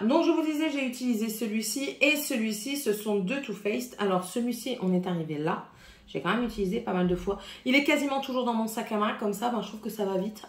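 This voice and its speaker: A woman from France talks through her makeup favorites to camera in a loose, rambling way, full of little hesitations. Her voice has a slight husky roughness, and the sound bounces around an echoey room. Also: on the high side. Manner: chatty, hesitant, many fillers, shows products. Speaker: beauty vlogger. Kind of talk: casual makeup review to camera.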